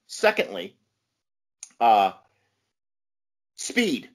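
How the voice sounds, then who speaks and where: A man's voice: mid-range voice, very animated, very slow. A man speaking informally as an expert podcast guest, explaining with emphasis and often checking in with a questioning tag. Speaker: podcast guest, comics scholar and author. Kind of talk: informal explanatory interview talk.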